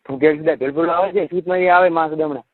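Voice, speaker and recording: Over a muffled, lo-fi telephone line, a Rajasthani man with a Marwari accent talks casually in private, often repeating brief questions and phrases. He speaks fast in a steady, fairly high voice against a noisy background.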